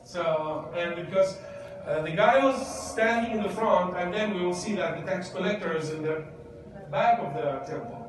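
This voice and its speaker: This pastor, a man with a high voice at a moderate pace, gives conversational Bible teaching in church and asks questions of the congregation. A distant microphone captures him in an echoey hall with plenty of noise.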